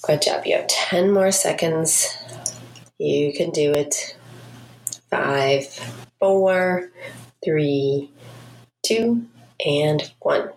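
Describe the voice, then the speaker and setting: Encouraging female workout coach, slightly creaky voice. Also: deep voice, drawn-out words, long pauses, slight background noise, low-quality recording. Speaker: fitness instructor leading a home workout. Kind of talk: exercise class instruction with countdowns and cues.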